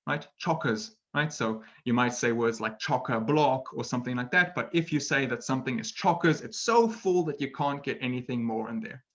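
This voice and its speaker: Giving a casual webinar lesson, a male English teacher talks at normal speed with hardly any pauses, his mid-range voice a bit bright. The computer-mic audio is dull. He chats playfully, laughs at himself and tacks "right?" onto his sentences.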